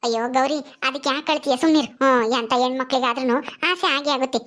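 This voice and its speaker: A woman voicing a kind, motherly village sister-in-law who soothes softly. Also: high voice, fairly even intonation, quick pace, pitched below the performer's own voice. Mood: soothing. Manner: soft, soothing, coaxing.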